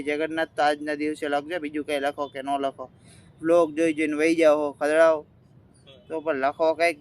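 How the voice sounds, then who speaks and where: A chatty man with a high voice vlogs on a casual walk outdoors by a riverfront. He teases and talks directly to viewers while a friend holds the phone.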